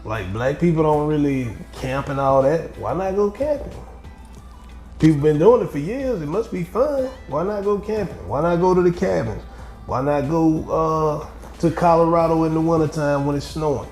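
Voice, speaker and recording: A middle-aged man hosting a podcast, talking bluntly with lots of profanity and animated storytelling in casual chat. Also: on the high side, normal speed. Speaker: podcast host. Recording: echoey room with faint music.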